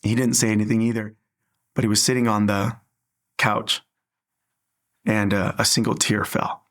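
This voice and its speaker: A man's voice: on the low side, little pitch movement, moderate pace, fairly bright tone. A man sharing an earnest personal faith story in an interview, acting out the dialogue as he tells it.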